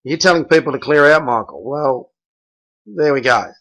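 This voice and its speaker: A man's voice: medium pitch, lively intonation, normal speed, heavy background noise. A middle-aged man, a basketball coach reviewing game film and bluntly correcting his players by name.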